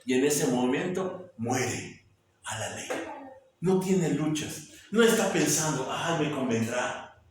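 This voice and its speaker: Male pastor, high voice, dramatic loud-to-hushed delivery, miked from afar in a very echoey church hall. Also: a little hiss or hum. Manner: dramatic swings from loud emphatic peaks to hushed, near-whispered drops. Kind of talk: sermon. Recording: very echoey room, voice picked up from a distance.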